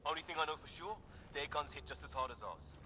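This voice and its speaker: A man's voice: on the high side, lively intonation, fast, natural voice. A man playing an earnest, wary young soldier in a sci-fi video game, talking informally and emphatically. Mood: wary, frank. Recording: noisy game battle ambience behind voice.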